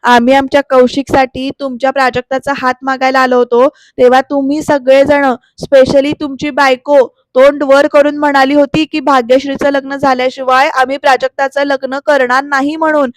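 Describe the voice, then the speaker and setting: Woman voicing a scornful middle-aged matron, accusing, taunting questions, high voice, dry sound. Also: little pitch movement, moderate pace, hardly any pauses, no room sound, lightly acted.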